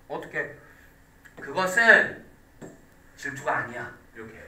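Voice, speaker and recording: A male high school English teacher giving an exam-prep lecture, constantly quizzing his students with quick questions. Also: bright, forceful tone. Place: classroom. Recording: echoey classroom, mic at a distance.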